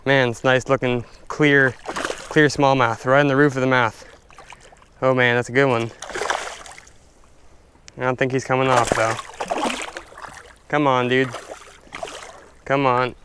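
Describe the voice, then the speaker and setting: A young man casually narrating his fishing from a stand-up paddleboard on a lake, chatty and excitable, talking to his viewers. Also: mid-range voice, measured pace, long pauses, background noise. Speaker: fishing vlogger. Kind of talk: casual outdoor commentary. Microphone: head-mounted action camera.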